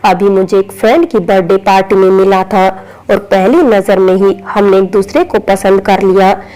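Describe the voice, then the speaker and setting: A woman's voice: mid-range voice, steady tone, moderate pace, warm tone, natural voice, poor audio. A woman voicing a frightened, begging young woman. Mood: confessing. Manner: pleading, anxious.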